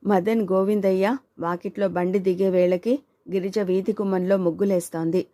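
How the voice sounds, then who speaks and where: Female audiobook narrator, mellow, dry booth sound, voices the dialogue herself. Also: medium pitch, fairly even intonation, normal speed, dry recording. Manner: reads all characters, male and female, in her own voice.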